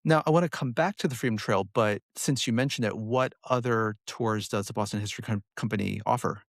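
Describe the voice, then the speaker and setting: A man's voice: fairly low pitch, a little fast, no room sound, clean studio sound. A man from Connecticut hosting a podcast interview, asking long questions that wander and correct themselves. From Connecticut, USA. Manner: rambling, self-correcting questions. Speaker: podcast host.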